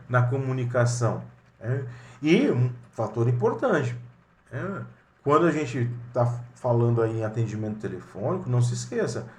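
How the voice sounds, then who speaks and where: Brazilian man teaching in an echoey room. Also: medium pitch. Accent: Brazilian Portuguese. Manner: conversational, many fillers like "né" and "é"; demonstrates with brief role-played phone greetings. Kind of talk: recorded lesson on phone customer service.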